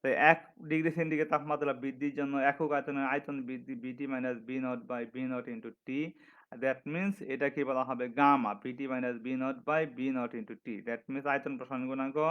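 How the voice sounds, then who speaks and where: Male physics instructor from Bangladesh, mid-pitched, methodical, dictating formulas; slightly dull recording. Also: steady tone, fairly quick. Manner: methodical, dictating formulas step by step, restarts and self-corrections. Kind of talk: recorded classroom lecture.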